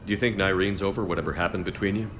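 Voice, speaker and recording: A man playing a steady, terse military commander in a video game, businesslike in delivery. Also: low-pitched, rapid-fire, a little hiss or hum. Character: steady, no-nonsense male human military commander.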